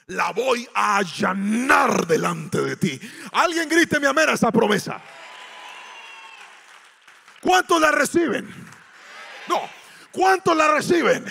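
A Colombian pastor preaching to his congregation, with loud swells and sudden quiet asides. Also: sits high, vocal fry. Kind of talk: sermon. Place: church hall before a congregation.

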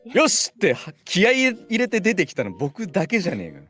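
A man's voice: high voice, huge pitch swings, fast, fairly bright tone, soft background music. A male streamer bantering casually, grumbling and mocking himself.

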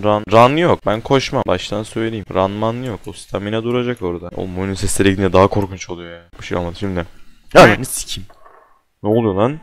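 A young man with a fairly low voice talks through a horror game at his computer. He keeps up casual, jumpy commentary, swearing freely and yelping when something startles him. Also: a little hiss or hum. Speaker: gaming channel host.

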